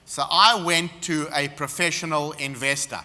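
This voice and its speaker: A South African man with a South African accent gives a confident guest seminar in an expo hall, telling anecdotes at a moderate pace. His pitch is fairly high, his tone steady and sharp. The recording picks up the hall's reverb.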